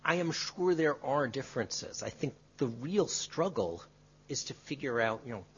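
A male history professor answering an audience question in a measured, qualifying way, often adding tag questions. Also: medium pitch, expressive, a bit bright, slightly rough. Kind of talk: academic lecture Q&A. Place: lecture room. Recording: dull lo-fi lecture recording.

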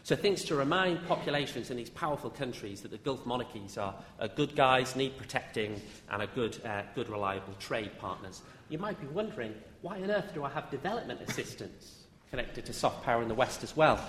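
A man lectures to an audience, pausing often on "uh" as he works through lists of examples. His voice sits at a middle pitch and carries a long, roomy reverb from a large hall. A faint wash of room sound lies under the speech. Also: fairly bright tone, slight background noise. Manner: hesitant, with frequent "uh" fillers and lists. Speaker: university lecturer giving a public talk. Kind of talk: academic lecture.

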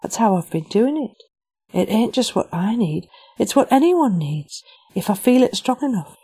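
A woman's voice: a little high, sing-song, normal speed, mellow, slightly rough, no echo, voice pushed up, heavily acted, poor audio. A woman voicing a brave, determined working-class young girl who speaks bluntly and urgently. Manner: fierce, urgent, plain-spoken.

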